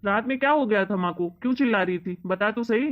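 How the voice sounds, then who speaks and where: A woman's voice: mid-range voice, fast, close to an everyday voice. A woman playing a greedy middle-aged son and husband who coaxes and argues in a plain voice. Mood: coaxing. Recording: dull lo-fi recording.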